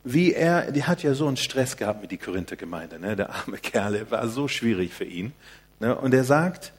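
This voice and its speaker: An older man preaching a sermon in a quiet, soft-spoken manner. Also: medium pitch, animated, normal speed, slightly rough.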